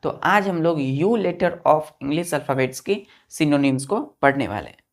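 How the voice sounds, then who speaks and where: A woman's voice: deep voice, slow pace. A woman teacher giving a vocabulary lesson, spelling words letter by letter and asking her students questions that she answers herself. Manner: addresses students as children, asks and answers own questions.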